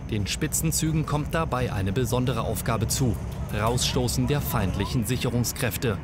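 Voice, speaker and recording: A man's voice: medium pitch, normal speed. A man reading scripted narration for a military documentary. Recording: voice-over with loud music bed.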